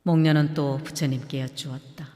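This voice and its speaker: Male monk, sutra recitation, steady and solemn, long reverb. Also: a little high, normal speed.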